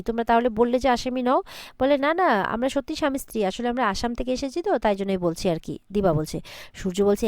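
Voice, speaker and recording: A woman's voice: a little high, a little mellow, dry recording. A woman retelling a TV serial episode in a casual recap, relaying the characters' dialogue with small restarts.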